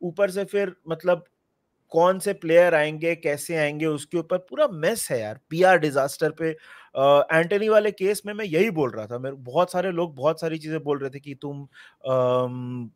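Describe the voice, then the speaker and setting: Male panelist from India, slightly high voice, excitable and rambling, dry close mic. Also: normal speed, no echo. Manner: animated, rambling, frequently forgets names. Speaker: football podcast panelist. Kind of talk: casual football chat mixing Hindi and English.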